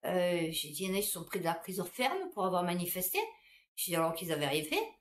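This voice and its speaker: A woman, a supermarket cashier, telling anecdotes in a casual, animated monologue. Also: lowish voice, fast, slight background noise.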